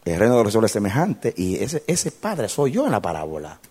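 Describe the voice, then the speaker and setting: A preacher voicing God as a calm father. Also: on the low side, a little fast, breathy edge, exaggerated voice. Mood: calm, fatherly.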